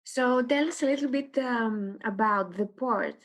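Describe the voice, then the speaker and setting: A woman co-hosting a casual video-call interview, teasing and relaxed. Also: a little high, unhurried. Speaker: co-host.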